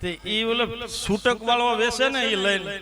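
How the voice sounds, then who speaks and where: A man's voice: very high voice, unhurried. A man telling comic folk stories on stage, acting out the dialogue. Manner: animated joke-telling with quoted dialogue. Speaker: dayro storyteller. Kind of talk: live comic folk storytelling. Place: stage before a live crowd. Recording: live stage recording with crowd. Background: crowd.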